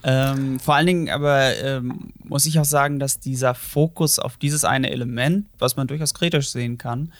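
A man's voice: mid-range voice, fairly even intonation, normal speed, hardly any pauses, no echo, studio quality. A man giving his views on a video game in a casual conversation, thoughtful and searching for words. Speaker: game critic. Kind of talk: casual discussion.

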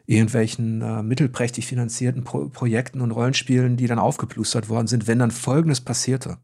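A man's voice: mid-range voice, level tone, fairly quick, vocal fry, a little mellow. A man, a journalist, speaking frankly and with opinions in a casual conversation.

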